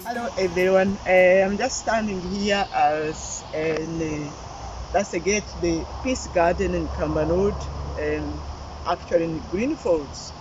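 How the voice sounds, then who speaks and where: A man's voice: sits high, fairly even intonation, a little slow, music in the background. A man standing outdoors in a peace garden, talking hesitantly with many fillers as he starts a demonstration. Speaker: guest demonstrator. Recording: dull lo-fi outdoor audio with clear background noise.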